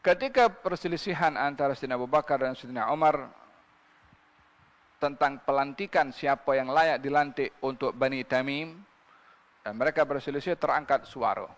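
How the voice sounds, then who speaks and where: A man's voice: medium pitch, long reverb tail. A man preaching a religious sermon, reciting scripture in Arabic and asking his listeners rhetorical questions.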